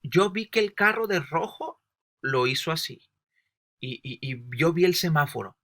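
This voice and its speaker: A man's voice: a little high, expressive, unhurried, sharp tone, full character voice. A man doing an eager woman eyewitness. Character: woman bystander describing a car crash.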